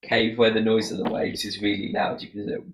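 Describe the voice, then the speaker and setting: A man narrating a tabletop game as game master, in a halting, conversational way. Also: lowish voice, little pitch movement, a little hiss or hum.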